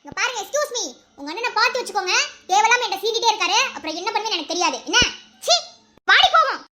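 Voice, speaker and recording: A woman voicing a sharp-tongued, possessive young college woman in a cartoon, scolding in a Madurai Tamil accent. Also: lively intonation, very fast, very noisy. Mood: snappy. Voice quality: very high, squeaky voice. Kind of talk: animated cartoon voice acting.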